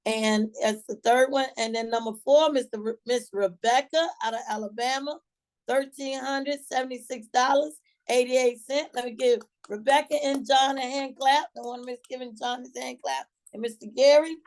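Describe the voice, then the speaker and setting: A woman with a slightly high voice and a Georgia Southern accent hosts a motivational call for her sales team. She talks in a folksy, colloquial way, encouraging the group like a team leader. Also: steady tone, normal speed. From Georgia, USA.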